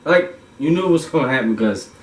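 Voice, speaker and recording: A man's voice: medium pitch, lively intonation, fast talker. A man hosting a casual movie review chat, laid-back and slangy, laughing often. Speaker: podcast host. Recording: echoey room, mic far off, faint noise.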